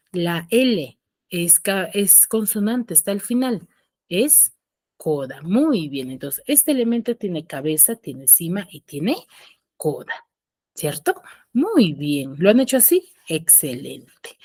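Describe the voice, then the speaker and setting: Slow, patient woman teacher. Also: darkish tone, no echo, clean studio sound. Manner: slow, patient, asks and answers her own questions; pitch rises on questions, drops low at ends of phrases. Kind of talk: recorded online class.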